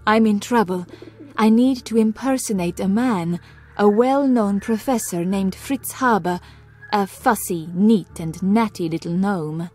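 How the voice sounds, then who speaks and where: A woman's voice: medium pitch, measured pace, a little mellow, faint music behind, natural voice. A woman voicing a bold, determined female spy in an adventure game, with a poised, theatrical delivery. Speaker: game heroine.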